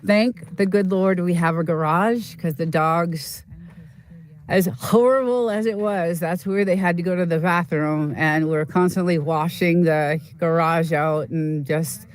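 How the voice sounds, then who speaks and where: A streamer from Boston talks casually to viewers in an easygoing, meandering way, drifting through stories with plenty of "uh" and "you know." The pitch sits in a comfortable middle register. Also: fairly even intonation, a little slow. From Boston, United States. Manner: rambling, chatty, storytelling with many fillers. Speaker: livestream host.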